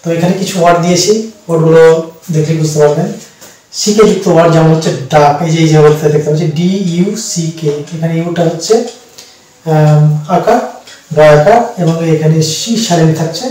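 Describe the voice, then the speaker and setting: A man's voice: fairly high pitch, mellow. Man teaching in a very echoey room. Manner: slow, repetitive, with frequent hesitations. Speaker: English teacher. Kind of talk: explaining a reading lesson. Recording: very echoey room, voice far from the mic.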